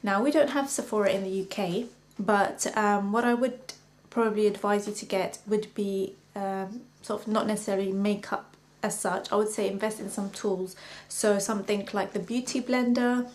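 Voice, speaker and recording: A woman's voice: medium pitch, steady tone, normal speed, a little mellow. A young woman from London with a London accent, a makeup artist chatting casually through viewer questions with many ums. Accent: London English. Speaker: beauty vlogger and makeup artist. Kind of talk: casual Q&A vlog.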